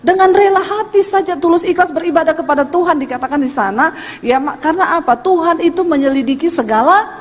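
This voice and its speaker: A middle-aged woman pastor giving a lively, chatty sermon, acting out the voices in her stories. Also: very high voice, fast. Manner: animated storytelling, acts out voices of others; colloquial, chatty preaching with Javanese-flavored particles. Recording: long hall reverb.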